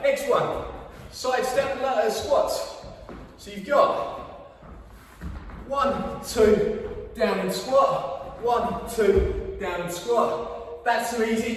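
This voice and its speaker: A man coaching a home workout, calling out energetic encouragement and counts with casual, jokey chat. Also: high voice. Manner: upbeat, encouraging, energetic call-outs while exercising; jokey, chatty. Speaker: fitness coach leading a home HIIT workout. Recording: very echoey room, distant mic, faint music.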